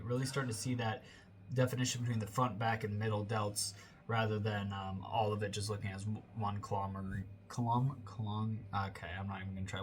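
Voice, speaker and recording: A man's voice: on the low side, slight background noise. A young American man with a congested nose, giving a rambling casual voiceover about his workout, full of fillers and self-corrections. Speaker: fitness vlogger. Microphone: close voiceover mic.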